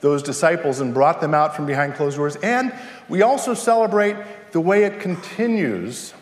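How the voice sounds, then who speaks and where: Man, high voice, sermon delivery, emphatic, rhetorical questions, dramatic pauses, echoey reverberant hall. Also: expressive. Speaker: preacher. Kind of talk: sermon to a congregation. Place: large reverberant room, preaching live.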